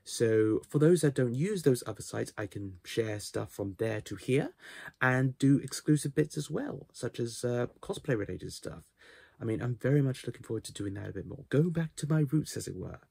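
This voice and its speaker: This twenties-aged man talks to camera from a cramped, messy bedroom, sharing channel news in a vlog style with unsure, self-mocking remarks. He sounds animated, creaky, mellow and husky, mid-range in pitch at a normal pace, with no room sound at all.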